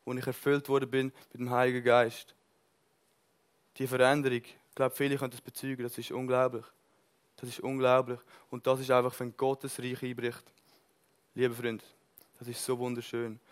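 A man preaching a sermon with passion, swinging between loud bursts and soft, earnest lines, and mixing in English words. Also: mid-range voice, little pitch movement, normal speed, clear, resonant tone.

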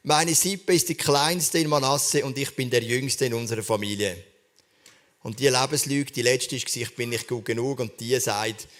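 A man's voice: mid-range voice, normal speed, fairly bright tone. A man preaching a sermon in a church service, speaking earnestly and conversationally, often addressing the listener directly.

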